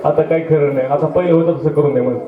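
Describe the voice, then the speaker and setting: A man preaching a devotional sermon with humor, rhyming in a sing-song and speaking directly to his listeners, heard through an echoey, dull loudspeaker from a distance. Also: on the high side, fairly even intonation, fast, heavy background noise. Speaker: kirtan preacher. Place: public religious gathering over loudspeakers. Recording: echoey, dull PA sound from far off.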